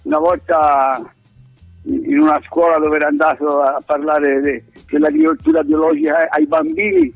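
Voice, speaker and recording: Farmer caller, male, on speakerphone, gravelly, stumbling speech, dull phone line. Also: on the high side, lively intonation, faint music behind. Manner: halting, stammering restarts. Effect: heard over a phone on speakerphone. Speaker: farmer guest calling in. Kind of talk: casual chat.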